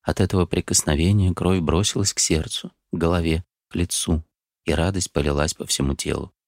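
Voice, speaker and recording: A man narrating a literary audiobook in a measured, expressive way. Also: sits low, no echo, clean studio sound.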